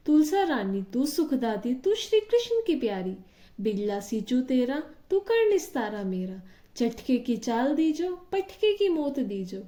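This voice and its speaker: A woman voicing the gentle tulsi plant goddess in a devotional folk tale, reciting her plaint in a sing-song way. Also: sits high, roomy sound.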